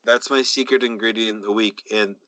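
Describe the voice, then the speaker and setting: A man's voice: lowish voice, fairly even intonation, fairly bright tone, dry recording, poor audio. A man, co-hosting a casual chat and confidently handing out cooking advice. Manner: confident, advice-giving, drawn-out emphasis. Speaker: podcast co-host.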